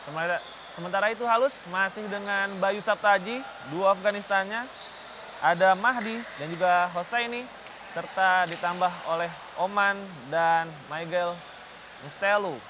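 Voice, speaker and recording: Male TV sports commentator, high voice, live match presentation, clear arena noise behind. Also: normal speed.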